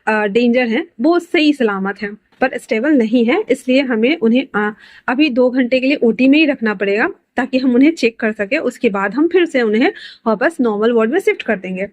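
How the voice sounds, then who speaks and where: A businesslike male doctor, as a woman storyteller puts him on, delivering a patient update with hesitant pauses. The voice is fairly high and close to the mic, with a dry sound. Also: lively intonation, dry recording, close to an everyday voice. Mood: reporting.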